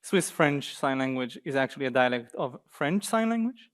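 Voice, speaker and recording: A young man from Israel giving a conference talk on slides in a university seminar room, lively and joking with the audience now and then. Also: mid-range voice, normal speed. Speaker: guest speaker.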